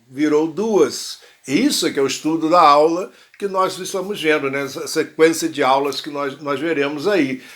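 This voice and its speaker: A man teaching English pronunciation. His voice sits slightly high and swings widely in pitch. He speaks unhurriedly, repeating words and checking in with his listeners. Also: fairly bright tone. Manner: reads English lines slowly, then translates and explains in Portuguese; frequent "né?" and "ok?" tags, restarts. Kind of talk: bilingual language lesson.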